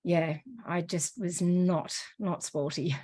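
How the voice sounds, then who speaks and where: An Australian woman, a running coach, talking as a guest in a relaxed, self-deprecating way. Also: fairly low pitch, slow pace. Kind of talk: casual interview chat.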